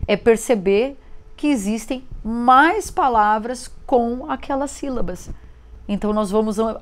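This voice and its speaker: A woman teacher, giving a recorded literacy lesson, sounding out syllables slowly and clearly. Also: fairly high pitch. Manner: slow, clear syllable drilling.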